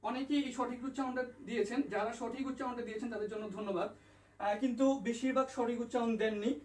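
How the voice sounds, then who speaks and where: Speaking fast in an extremely high, steady voice, a man teaches English online, patiently going over each letter sound again and spelling it out. The recording is echoey, with the mic placed far away.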